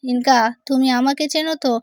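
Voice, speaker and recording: A woman's voice: high-pitched, fairly even intonation, fairly quick, no echo, natural voice. A woman reading out the lines of a scheming, arrogant young man in a boastful, threatening way.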